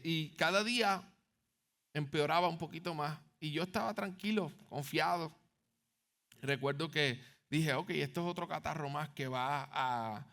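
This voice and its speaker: A man's voice: a little high, pushed and bright. A man in his thirties preaching a sermon, telling a personal story with strong emotion and talking directly to the listeners. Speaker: pastor.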